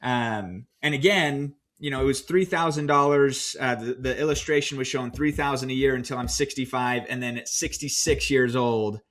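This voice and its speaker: A man co-hosting a podcast, recounting his own finance choices in a relaxed, storytelling way with plenty of fillers. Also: mid-range voice, moderate pace, hardly any pauses. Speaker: podcast co-host. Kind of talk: casual podcast discussion.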